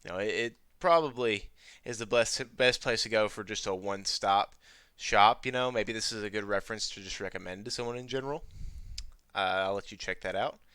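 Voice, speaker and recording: A man presents an educational video on teaching ESL, chatting informally over a screen demonstration and often saying "you know." His lowish voice is a little fast, pushed and bright, clear and resonant, with no echo.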